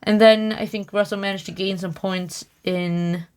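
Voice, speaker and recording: A woman's voice: mid-range voice, fairly even intonation, moderate pace, a little mellow. A young woman co-hosting a casual podcast, chatty and wry, full of fillers and restarts. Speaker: podcast co-host. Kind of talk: casual chat.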